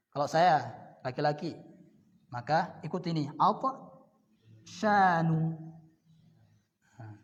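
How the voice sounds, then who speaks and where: Man, grammar teacher, slow deliberate lecture, repeats each word, dull lo-fi recording, long echo of a hall. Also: on the high side. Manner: repeats words, asks questions and answers them himself. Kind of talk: classroom lecture. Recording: dull lo-fi sound in a reverberant hall.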